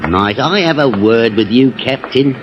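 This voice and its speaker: In a 1950s radio drama, an actor plays a sly, servile seaman who resorts to blackmail, speaking in a wheedling working-class manner. His mid-range voice is expressive and unhurried, close to how he'd normally talk, with a sly, deferential mood. The vintage radio recording is muffled and noisy.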